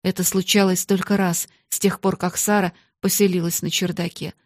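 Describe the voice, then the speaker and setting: A woman narrating a classic children's story aloud in a steady, expressive audiobook reading. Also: fairly low pitch, normal speed, no room sound, clean studio sound.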